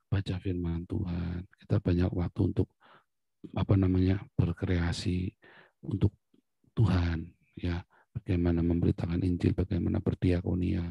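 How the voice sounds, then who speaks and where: A man preaching in a casual, lively style, often laughing and leaping up in pitch when he makes a point. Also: creaky, slightly rough, no room sound. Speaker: pastor. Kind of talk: sermon. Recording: dull lo-fi recording.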